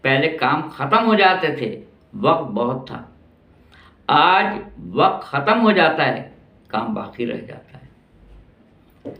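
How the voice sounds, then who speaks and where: An older man from Pakistan, reminiscing in a slow monologue and repeating phrases for emphasis. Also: on the high side, big pitch swings, pushed and bright. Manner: slow, reflective, repeats phrases for emphasis, grows indignant about prices. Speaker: vlogger reminiscing about his city. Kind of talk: nostalgic monologue. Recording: roomy, dull lo-fi sound.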